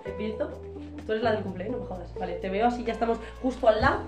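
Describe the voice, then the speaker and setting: Joking young woman, music behind. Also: medium pitch. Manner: quick, joking, plays the awkward caller. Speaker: co-host. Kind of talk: casual comedic chat.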